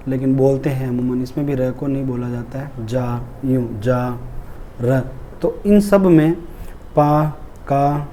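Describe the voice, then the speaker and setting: A man's voice: mid-range voice, mellow, slight background noise. A male English teacher giving a lesson on an exam paper, explaining each answer step by step and repeating key words for emphasis.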